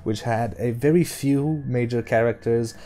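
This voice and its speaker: A man's voice: medium pitch, measured pace, dark tone. Man steadily reading a novel aloud. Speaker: audiobook reader.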